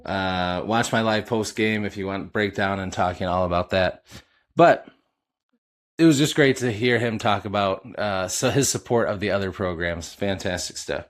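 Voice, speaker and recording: A man's voice: on the low side, moderate pace. A middle-aged man hosting a sports podcast, an eager fan talking in a loose, casual way with plenty of filler uhs.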